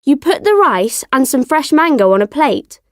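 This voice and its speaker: A woman reading the part of a cheerful young girl in a slow, careful textbook style for learners. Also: high-pitched, big pitch swings, no room sound, studio quality. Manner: slow, lilting textbook delivery.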